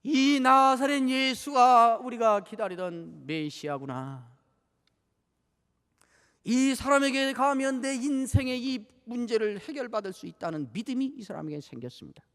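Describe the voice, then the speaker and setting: A male pastor with a very high voice preaches in a church sanctuary, and his words ring with a long hall reverb. He acts out the scripture scenes and keeps turning to the congregation with rhetorical questions. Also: animated, unhurried, fairly bright tone, clear, resonant tone. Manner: dramatizes scripture, acting out rebukes and pleas. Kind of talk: sermon.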